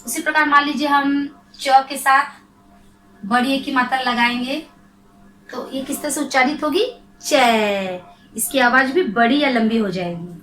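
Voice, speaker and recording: Bright high-voiced woman teaching slowly. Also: echoey room, soft background music, rough recording. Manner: slow, drawn-out syllables, asks and answers her own questions. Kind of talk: children's Hindi grammar lesson.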